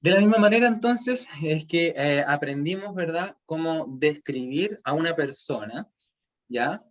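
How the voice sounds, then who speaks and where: A man's voice: on the high side, animated, measured pace, highs cut off. A man with a Chilean Spanish accent teaching a language class online, explaining step by step and checking in with students often.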